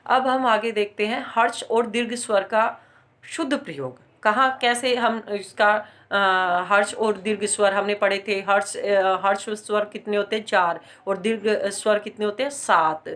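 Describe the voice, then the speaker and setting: A woman teaching a grammar lesson, explaining slowly with frequent pauses and stressing example words. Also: mid-range voice, fairly even intonation, fairly bright tone.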